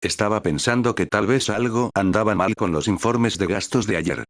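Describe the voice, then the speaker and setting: A man's voice: fairly low pitch, moderate pace, dry recording, close to an everyday voice. Mira, stubborn young barmaid, read by a man. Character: teasing young woman guild barmaid, stubborn.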